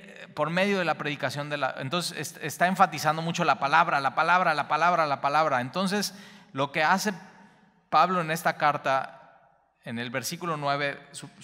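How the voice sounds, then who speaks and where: A man's voice: a little high, bright, forceful tone, long reverb tail. A man teaching a Bible study as a pastor, repeating key phrases emphatically with small stumbles. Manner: repetitive, emphatic, slight stumbles.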